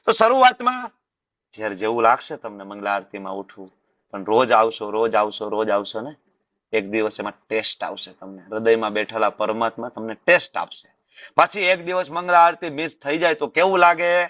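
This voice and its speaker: A man with a Gujarati accent giving a sermon in a scripture class, animated, asking rhetorical questions and repeating phrases. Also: fairly low pitch, moderate pace, dry recording, lo-fi sound. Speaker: preacher.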